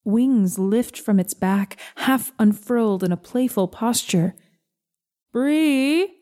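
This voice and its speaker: A woman narrating a first-person story in a slow, gentle, measured reading. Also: mid-range voice.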